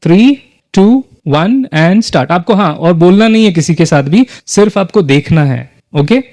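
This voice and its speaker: A man's voice: high-pitched, lively intonation, unhurried, darkish tone, no room sound. A man facilitating a live workshop, leading a group exercise and often asking the audience questions. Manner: engages the audience with frequent questions, mixes in English phrases.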